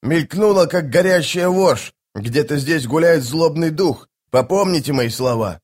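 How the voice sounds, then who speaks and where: A man voicing a wet, miserable, superstitious male mage in an audiobook, hissing slowly. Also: on the high side, animated, a little mellow. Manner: hissing, slow.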